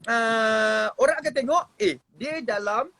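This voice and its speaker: Middle-aged male host, high bright voice, chatty and teasing, dry phone sound. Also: unhurried, creaky, dry recording. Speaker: host of a live stream, speaking coach. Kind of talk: casual live-stream chat.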